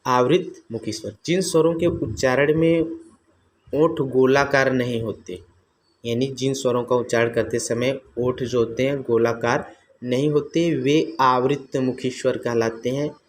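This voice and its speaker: Male teacher, mid pitch, repetitive question-and-answer delivery, faint background noise. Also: steady tone, measured pace. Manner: asks and answers his own questions, repeats terms. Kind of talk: exam-prep grammar lesson.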